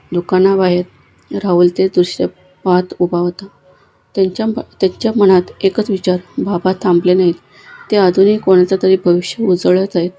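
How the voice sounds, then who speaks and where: Husky woman narrating a heartfelt story. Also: on the low side. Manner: soft, measured and heartfelt.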